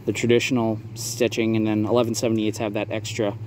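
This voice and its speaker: Halting man with clear background noise. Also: lowish voice, little pitch movement, darkish tone. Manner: halting, explanatory, hedging. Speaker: maker showing a handmade prop replica for sale. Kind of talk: casual product showcase vlog.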